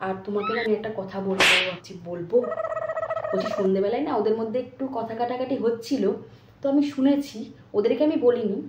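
A woman playing a kind, fussy mother-in-law who coaxes her new daughter-in-law along in a comedy sketch, talking fast. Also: on the high side, muffled recording, close to an everyday voice. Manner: fussy, coaxing, talks fast. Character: doting kind mother-in-law, middle-aged, fussing over her son's wife. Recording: echoey room with faint noise.

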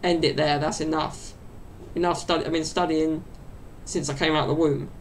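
This solo podcast host, a man in his twenties, chats and wanders from topic to topic with plenty of fillers, speaking at normal speed. His high, gravelly voice has a flat delivery. He records in his small bedroom on a desk mic set to the side, with slight background noise audible.

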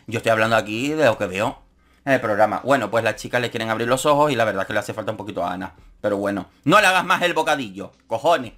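A man's voice: on the low side, expressive, a bit bright. Camp, sarcastic man. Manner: camp, sarcastic, quick jokes. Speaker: YouTube commentator. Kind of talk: casual comedic commentary.

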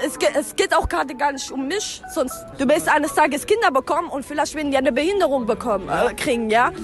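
Eine junge Frau mit arabisch gefärbtem Deutsch, die locker, neckend und voller Slang und Ausrufe plaudert. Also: female voice, sits high, lively intonation, brisk. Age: young adult. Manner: slangy, exclamatory, teasing. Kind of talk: casual street banter. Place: city pedestrian square, outdoors. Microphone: handheld fluffy microphone. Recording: busy outdoor street, music behind.

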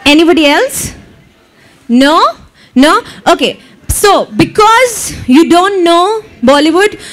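Lively woman emceeing a crowd. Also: very high-pitched. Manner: lively, teasing crowd banter. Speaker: event emcee. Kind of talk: live audience hosting. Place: event venue with live audience.

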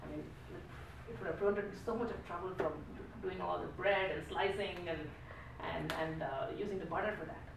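A man with an Indian accent tells a tall tale as a live speech, theatrically, with acted-out dialogue and dramatic pauses. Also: high voice, creaky. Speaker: speech contest speaker. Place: small meeting room with a whiteboard. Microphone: distant camera microphone. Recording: echoey room, distant mic, faint noise.

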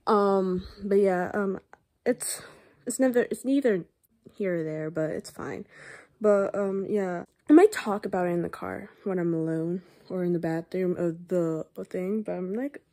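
A woman's voice: on the low side, measured pace, mellow. A teenage girl in a casual vlog, rambling nervously with lots of fillers and a slight lisp from her retainer, talking into a laptop mic at home. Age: teens. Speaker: vlogger. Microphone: laptop built-in mic.

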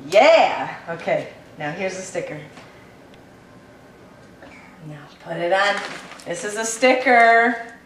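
A woman's voice: mid-range voice, expressive, takes it slowly, pauses often. A mother coaxing her toddler in a sing-song, encouraging way, recorded at home on a camcorder's built-in microphone. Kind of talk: home video, coaxing a toddler through letters. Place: indoors at home. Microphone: built-in camera microphone. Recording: echoey room with faint hiss.

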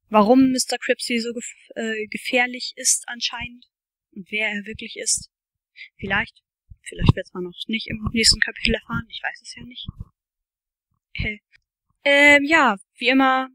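A woman's voice: a little high, pushed and bright, no echo. A woman reading a novel aloud for her channel, with casual, chatty commentary and fillers.

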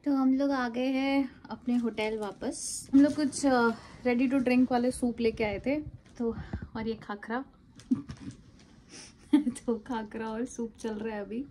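A young woman talks to her phone at arm's length, telling travel stories in a chatty, laughing way. Her voice sits high yet sounds mellow and soft. She speaks casually, as if to a friend. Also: steady tone, slow pace, slight background noise. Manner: chatty storytelling, laughs often. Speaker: travel vlogger. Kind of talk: casual vlog chat to camera. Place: car at night, then hotel room. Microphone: phone camera at arm's length.

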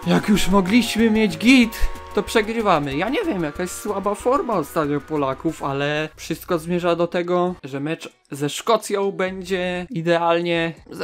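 A young man casually commenting on his own football video game match, getting excited, swearing and shouting at near misses. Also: high voice. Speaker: gaming channel host.

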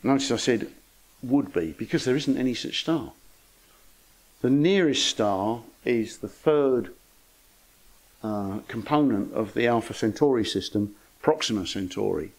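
A man's voice: mid-range voice, animated, a little slow, darkish tone, poor audio. An older man giving an informal lecture to an astronomy club, with dry, wry humour and chatty asides. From England.

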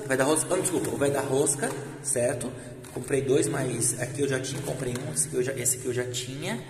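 A man's voice: medium pitch, a little mellow, slight background noise. A man casually showing his apartment renovation to viewers, laughing often, while his voice echoes strongly in a bare, empty room. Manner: chatty, laughs often, addresses viewers as friends. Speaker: vlogger. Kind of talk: casual home-renovation vlog.

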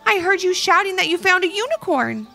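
A woman voicing a sweet, kind little female gnome who speaks gently and anxiously. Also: extremely high pitch, big pitch swings, a little fast, creaky, faint music behind, voice pushed up, exaggerated voice. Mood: worried.

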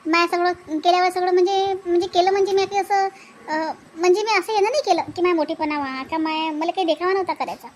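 A woman's voice: extremely high pitch, fairly even intonation, fast talker, a little hiss or hum. A woman voicing a modest, talkative older village woman in a cartoon. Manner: rambling and self-justifying.

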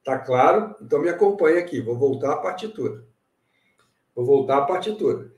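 Guy teaching a music lesson, kinda high voice, lots of echo, mic a bit far off. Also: brisk. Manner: animated, repeats phrases and checks in with students. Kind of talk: live online music lesson.

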